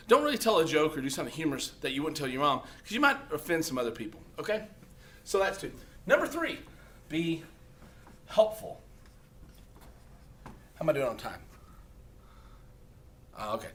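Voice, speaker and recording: Talking casually to the camera, a man hands out blunt, profane social-media advice, tagging his points with lots of "okay?". His voice is a little high, bright and forceful.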